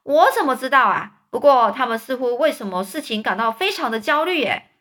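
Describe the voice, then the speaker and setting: A woman's voice: on the high side, animated, a little fast. A woman voicing a smug, boastful centipede in a children's story reading. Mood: gleeful boasting. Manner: boastful, loud, gleeful. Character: cocky grinning giant centipede, male.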